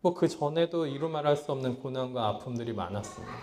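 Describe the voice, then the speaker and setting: A man preaching a sermon as pastor, swinging between loud pleading lines and low hushed ones, acting out his own past thoughts in quotes. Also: lively intonation, quick pace, a little hiss or hum. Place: small church hall.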